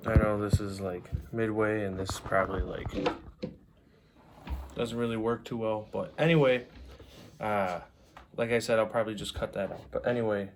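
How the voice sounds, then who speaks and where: A man with a fairly low, steady voice talks casually to camera at normal speed, pausing often. Unscripted and rambling, he offers advice drawn from his own experience and keeps saying "you know," against a clearly noisy background with clicks.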